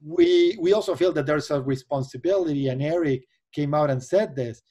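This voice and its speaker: A man in his forties with a dark-toned, slightly high voice speaks at a normal speed. Originally from Argentina and carrying an Argentine Spanish accent, he is a VC investor guest explaining earnestly over a video call.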